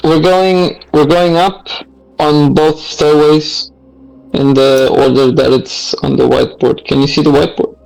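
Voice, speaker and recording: A man's voice: a little high, level tone, measured pace, gravelly, a little mellow, rough recording. A man playing in a tabletop game, hesitant and often repeating his words. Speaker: player. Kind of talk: casual tabletop play.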